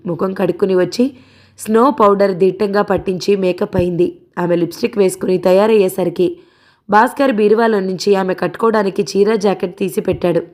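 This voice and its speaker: A woman narrating a novel in a steady, expressive storytelling voice. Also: mid-range voice. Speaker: audiobook narrator.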